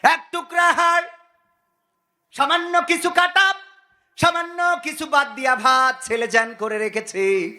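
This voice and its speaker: A man preaches a waz sermon. His voice is high, bright and cutting, and he often shouts. He drives his points home with a singing lilt and repeated rhetorical questions. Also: fairly even intonation, a little slow, long pauses. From Bangladesh. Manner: loud, sing-song preaching with rhetorical questions. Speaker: Islamic preacher.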